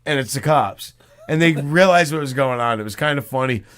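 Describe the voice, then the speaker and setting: A man's voice: mid-range voice, fairly quick. A man co-hosting a podcast, telling stories in casual chat and laughing often. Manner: animated storyteller, laughs often. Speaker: podcast co-host.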